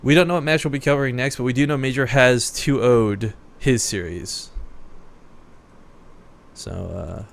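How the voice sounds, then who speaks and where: A man's voice: medium pitch, unhurried, gravelly, pauses often. Chatty upbeat male esports caster. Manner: chatty, laughs often, upbeat. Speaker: esports commentator. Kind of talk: casual play-by-play commentary.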